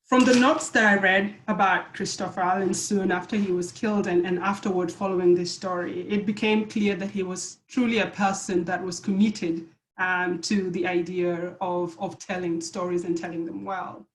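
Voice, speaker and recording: A woman's voice: lowish voice, fairly even intonation. Earnest woman on an echoey video call. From South Sudan. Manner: earnest, halting with repeated restarts. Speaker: panelist. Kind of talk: webinar panel remarks.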